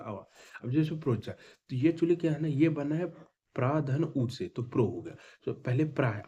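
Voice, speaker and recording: A man's voice: mid-range voice, dark tone, muffled recording, a little hiss or hum. A young adult man teaching an exam-prep lesson, patiently spelling things out piece by piece.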